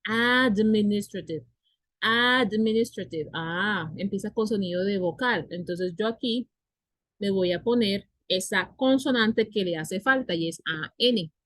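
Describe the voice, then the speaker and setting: A woman's voice: medium pitch, unhurried, no echo. A woman whose first language is Spanish, teaching an English class and explaining grammar patiently, repeating and spelling out words.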